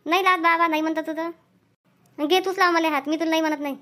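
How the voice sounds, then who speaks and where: A meek young husband caught in a family quarrel, acted by a woman, pleading for a cartoon. He talks fast and high, always trying to smooth things over. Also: fairly even intonation, bright, forceful tone. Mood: placating. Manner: pleading, placating.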